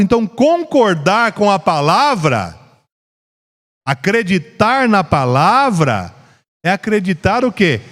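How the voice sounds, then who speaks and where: A man with a Brazilian Portuguese accent teaching a Bible class in a church, slow and drawn out, rising to emphasis when reading scripture. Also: sits high. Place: church hall. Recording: echoey church hall.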